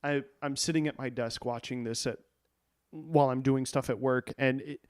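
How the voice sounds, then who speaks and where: A man co-hosting a podcast, chatting in a relaxed, amused way. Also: mid-range voice, normal speed. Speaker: podcast co-host. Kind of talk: casual chat.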